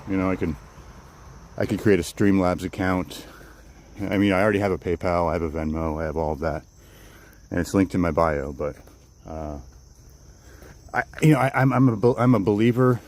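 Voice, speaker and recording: Walking through the woods on a livestream, a man with a low, slightly mellow voice chats casually with viewers at a moderate pace, leaving long pauses. He rambles and keeps repeating or restarting his phrases, and insects, crickets and nature ambience can be heard around him.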